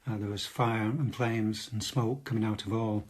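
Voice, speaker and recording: Older man with a low, husky voice. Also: steady tone, normal speed. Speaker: retired fire officer, interviewee. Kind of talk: interview recollection.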